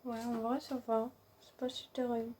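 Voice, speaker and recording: A woman's voice: on the high side, level tone, normal speed, noisy background. Whispering, anxious young woman. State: anxious, unable to sleep. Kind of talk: whispered personal vlog.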